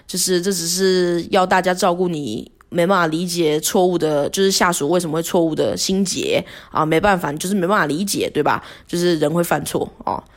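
A woman telling a work story in a casual solo podcast, animated and rambling, with rhetorical questions. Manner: animated storytelling, acting out quotes in a higher voice. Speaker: podcast host.

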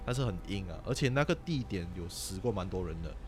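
说话起伏很大的新加坡口音男声. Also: male voice, sits low, fast. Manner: animated, mixes English words into Mandarin. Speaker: podcast guest storyteller. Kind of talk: casual ghost-story chat.

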